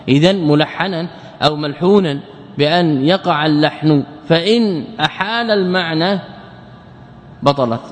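Man teaching in a long-echoing hall. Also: a little high. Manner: asks rhetorical questions and answers them himself; chants short sample phrases to show errors. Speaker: teacher of Islamic jurisprudence. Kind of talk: explanatory religious lesson.

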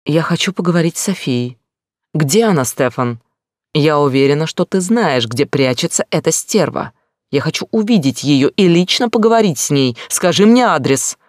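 Man doing a desperate young woman, high raised voice, pleading, shouting, audiobook, dry close sound. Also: animated, normal speed, no room sound, natural voice.

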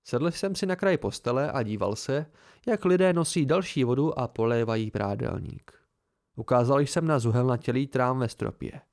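A man's voice: mid-range voice, vocal fry, a little mellow. A man reading a novel aloud in the first person, as an amateur audiobook narrator.

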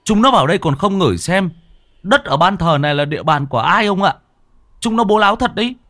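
A man doing a shrill, excitable young grandson. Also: fast. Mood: indignant. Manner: shrill, excited cheering and cursing.

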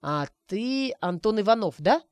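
A man's voice: high voice, animated, measured pace, smooth, no echo. A woman voicing a cocky young man who teases a friend by pretending to be a wizard, in a playful, mock-mystical way. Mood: teasing.

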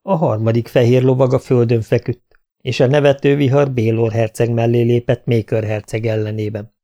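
A man narrating a fantasy story as an audiobook reader, measured and steady. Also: medium pitch. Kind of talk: scripted narration.

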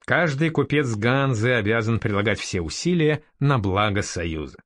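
A man voicing a bold young male raider-merchant leader in an audiobook, curt and sharp-tongued. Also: mid-range voice, expressive, normal speed, no room sound, clean studio sound, close to an everyday voice. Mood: brusque.

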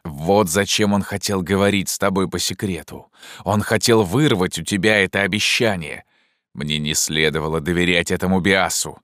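A man's voice: sits low, moderate pace, no room sound, clean studio sound. A man voicing a fiery, proud rebel leader. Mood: furious. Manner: forceful, indignant. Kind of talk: audiobook character reading.

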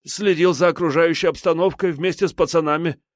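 Hoarse, squealing young crook pleading in panic, high-pitched and cracking, put on by a male audiobook reader. Brief casting note: thin and shrill. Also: fairly even intonation, a little fast, dry recording, studio quality, close to an everyday voice. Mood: whiny. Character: frightened young male petty crook under interrogation.

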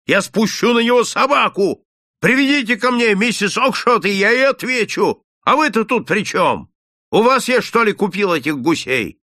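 A man voicing a furious market goose dealer who shouts threats at the top of his voice, in an audiobook. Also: high-pitched, dry recording, studio quality, voice pushed up, full character voice. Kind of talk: audiobook character voice.

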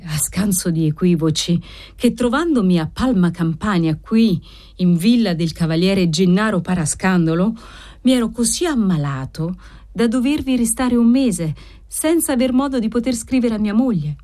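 A man's voice: high voice, expressive, moderate pace, mellow. A woman voicing a meek, sickly man who talks plaintively and feebly, reading a novel aloud.

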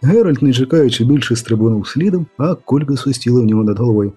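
Husky-voiced man reading a story. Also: mid-range voice, fast, faint music behind. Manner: steady storytelling. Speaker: audiobook reader. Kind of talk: scripted narration.

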